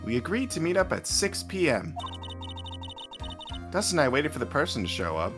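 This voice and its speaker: A man streaming a game, reading its text aloud and reacting with quick laughs. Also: a little high, big pitch swings. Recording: game music under the voice.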